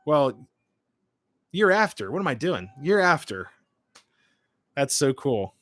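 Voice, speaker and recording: A man's voice: fairly high pitch, very animated, slow, a bit bright. A man in his late twenties hosting a livestream, chatting informally and hopping between short remarks as he answers comments. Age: late 20s. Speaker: livestream host. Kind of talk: casual livestream chat, reading and answering comments.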